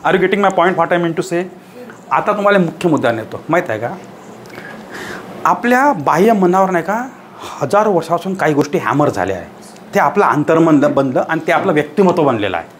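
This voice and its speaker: A man's voice: a little high, slight background noise. A man giving a motivational lecture to a live audience, firing rhetorical questions and hammering points home through repetition. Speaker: teacher giving a motivational talk.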